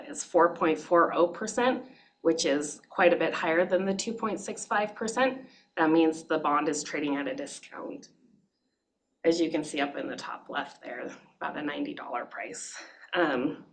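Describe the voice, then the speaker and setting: A woman giving a brisk, matter-of-fact explanatory presentation at a board meeting. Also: low voice, slight background noise, low-quality recording.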